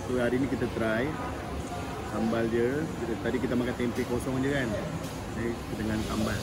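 Food vlogger, male, mouth full and chewing, raving over the taste, loud street traffic behind. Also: mid-range voice, fairly even intonation, normal speed. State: chewing while talking. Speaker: food reviewer. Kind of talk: casual food review vlog. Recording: loud traffic noise outdoors.

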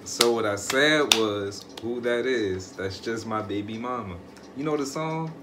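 A man in playful, slangy, excitable banter during a casual vlog game, with music playing over his voice. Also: mid-range voice, measured pace, slight background noise.

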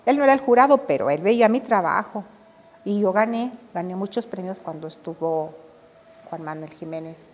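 A Mexican woman, an older embroidery artisan, telling her memories in an interview with animated storytelling and acted-out dialogue. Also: medium pitch, normal speed, in a large hall. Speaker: embroidery and drawn-thread artisan. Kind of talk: reminiscing interview.

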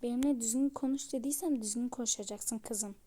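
A woman's voice: on the high side, brisk, warm tone, natural voice. A woman voicing a strict mother who scolds her grown daughter in a stern, commanding way, in a toy-game role-play.

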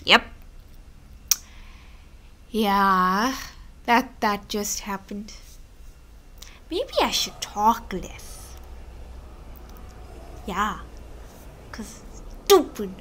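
A woman's voice: mid-range voice, drawn-out words, pauses often, bright, forceful tone. A woman commenting on her own video game play, rambling and mocking herself, muttering and exclaiming as she goes. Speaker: gamer streaming gameplay. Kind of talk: self-deprecating gameplay commentary. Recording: game music playing behind.

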